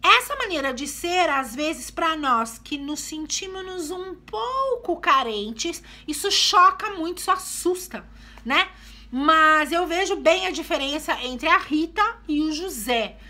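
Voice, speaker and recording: A woman's voice: very high-pitched, expressive, takes it slowly, sharp tone. A woman vlogging about her children, talking chattily to her viewers and explaining things. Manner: chatty, explaining, often addresses viewers with "né" and "gente". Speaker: vlogger, mother of two. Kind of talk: casual talk to camera.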